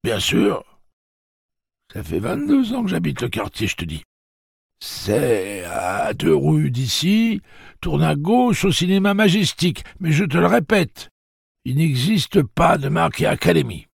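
A wary, half-senile old man from a storybook reading shouts in a high, strained voice. He sounds cantankerous and suspicious. The voice stays dry and close. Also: big pitch swings, a little slow, vocal fry, slightly rough, dry recording, heavily acted. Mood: insistent.

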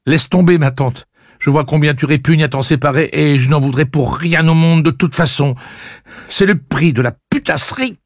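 A man reading aloud voices a furious, defiant young woman who shouts her accusations in a shrill voice. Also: normal speed, no room sound, studio quality. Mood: bitter.

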